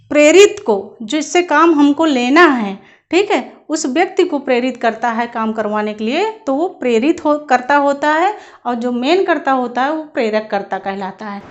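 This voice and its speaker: Female teacher, high voice, patient lesson delivery with frequent check-ins. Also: lo-fi sound. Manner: repeats "ठीक है" after each point, explaining patiently. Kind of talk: Hindi grammar lesson.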